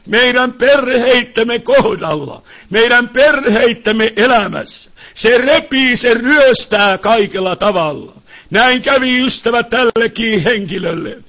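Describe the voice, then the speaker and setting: Fervent high-voiced male preacher. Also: expressive, fairly bright tone. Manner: fervent, rising to pleading cries, many asides to the listeners. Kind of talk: sermon. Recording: dull lo-fi sound.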